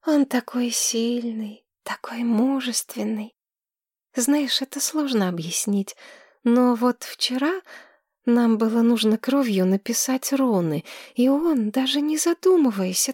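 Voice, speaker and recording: A woman voicing a bubbly, lovestruck young woman friend who gushes and drops into breathy whispers. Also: fairly high pitch, a little mellow, no echo, studio quality, pitched above the performer's own voice. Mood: gushing.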